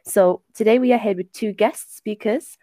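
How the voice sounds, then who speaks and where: A woman's voice: medium pitch, moderate pace, mellow, dry recording. Young woman hosting a podcast. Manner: friendly interviewer, short backchannels. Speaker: podcast host. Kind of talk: casual podcast interview.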